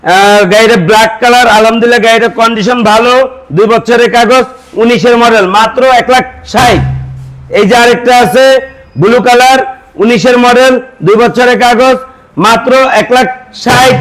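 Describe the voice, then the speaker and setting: A man with a very high-pitched voice and a Bangladeshi Bengali accent works through a showroom sales pitch. He is a used motorbike salesman who lists selling points and prices in a practised patter, item after item. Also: steady tone, normal speed, fairly bright tone, low-quality recording.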